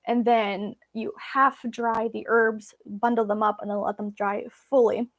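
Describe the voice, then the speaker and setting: A native Russian speaker from Belarus hosts a live Q&A for her vlog, chatting casually and informally with viewers. Her fairly high voice stays fairly even in intonation and runs a little slow.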